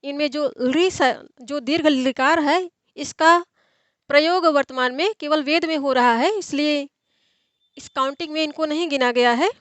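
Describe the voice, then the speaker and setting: A woman's voice: high voice, normal speed, a bit bright, no echo. A young woman tutoring for an exam in an online lecture, explaining step by step and answering her own questions. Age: young adult.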